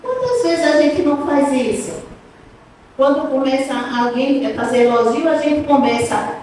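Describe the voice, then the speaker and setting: Speaking in the hall of a spiritist center, a woman lectures in a conversational way, asking the audience questions along the way. Her high voice is expressive and unhurried, with a darkish tone. The hall echoes, the mic is distant, and there is faint noise.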